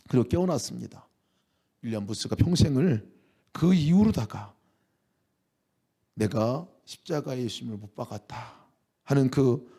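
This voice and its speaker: A man pastor preaching a sermon with dramatic storytelling, slowing down and dropping to a whisper for emphasis. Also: mid-range voice, warm tone.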